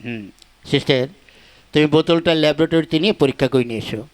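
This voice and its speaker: A man's voice: on the high side, fast talker, natural voice. A man voicing a brusque village doctor in a comic puppet play, speaking in a curt, scolding way. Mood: calm. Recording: music playing behind.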